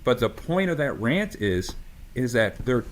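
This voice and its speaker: A man's voice: medium pitch, big pitch swings, unhurried. A man co-hosting a podcast as a strength coach, talking casually and ranting with passion, swearing freely, full of fillers and restarts.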